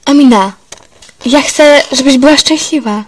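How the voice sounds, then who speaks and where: A woman's voice: sits high, a little slow, slight background noise. A woman reading the lines of a caring palace matron in a coaxing, reassuring voice.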